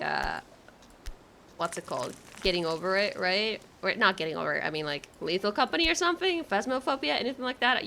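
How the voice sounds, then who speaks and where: For her stream chat, a woman commentates a game live in a casual, excitable and nervous way, punctuated by giggles and exclamations. Her voice is medium-pitched, and a little hiss or hum is audible.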